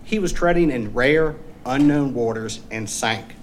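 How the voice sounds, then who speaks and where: A man arguing as a lawyer in court, speaking in a formal, measured and deferential way. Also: mid-range voice. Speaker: defense appellate lawyer. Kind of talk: formal oral argument. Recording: clearly noisy courtroom recording.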